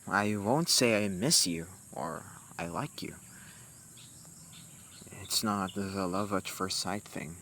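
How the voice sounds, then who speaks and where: In a deep, exaggerated voice, a man plays a bashful, reluctant young warlock, speaking very slowly and haltingly with a soft, intimate address to the listener. The amateur romantic roleplay audio drama is recorded noisily, with crickets and night forest ambience behind him.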